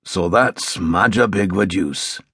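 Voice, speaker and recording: A man voicing a kindly, shrewd old brigadier general, speaking quietly and with measured curiosity. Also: mid-range voice, animated, dry recording, studio quality. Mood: inquiring.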